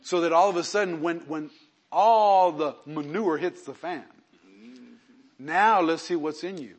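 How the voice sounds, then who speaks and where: Male pastor preaching, kinda high voice, goes from hushed storytelling to loud and fired up. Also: unhurried, breathy edge. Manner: acts out quoted voices in his stories. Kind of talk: sermon with personal storytelling.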